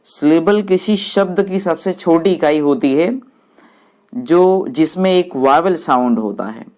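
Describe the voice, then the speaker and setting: A woman teaching English, explaining each point slowly and repeating English phrases in Hindi while speaking to viewers as friends. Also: deep voice, darkish tone.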